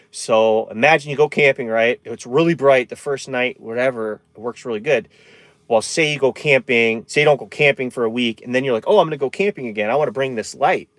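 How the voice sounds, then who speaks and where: A man's voice: medium pitch, no room sound. A man in his thirties chatting casually on a live stream from inside his camper van, rambling and answering viewer comments.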